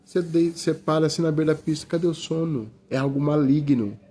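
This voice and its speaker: A husky, warm, fairly high voice belongs to a middle-aged Brazilian man preaching informally at a fairly quick pace. Speaking with a Brazilian Portuguese accent, he keeps it conversational, frequently calls listeners "brother," and restarts a lot.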